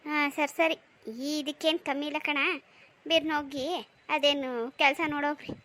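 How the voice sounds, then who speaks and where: A woman's voice: sits high, flat delivery, normal speed, a bit bright. A snappy, scolding village mother. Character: sharp-tongued young village mother, strict.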